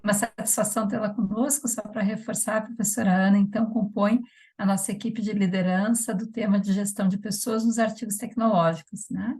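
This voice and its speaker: A woman's voice: medium pitch, fairly even intonation, brisk, darkish tone, husky. A woman, a professor coordinating the session, speaking courteously and formally. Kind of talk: formal online session remarks. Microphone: video call.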